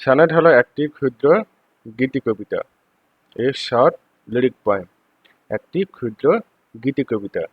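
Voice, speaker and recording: Male teacher with a Bangladeshi accent, measured and slow delivery, dry and slightly dull recording. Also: mid-range voice, expressive, slightly rough, no room sound. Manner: reads English phrases slowly, explains them faster. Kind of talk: lecture reading English text and explaining in Bengali.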